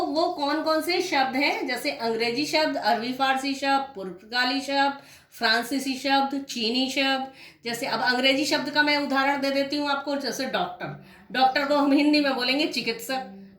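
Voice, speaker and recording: A woman teacher giving a grammar lesson, putting questions to the class, answering them herself and asking whether it is clear. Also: high-pitched, fairly bright tone, roomy sound. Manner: checks understanding with a repeated "clear?".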